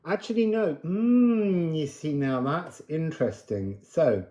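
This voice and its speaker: This man's voice is a little high and mellow, and he takes his time as he does an off-the-cuff spiritual card reading for viewers. He wanders from idea to idea, musing, and occasionally chants phrases.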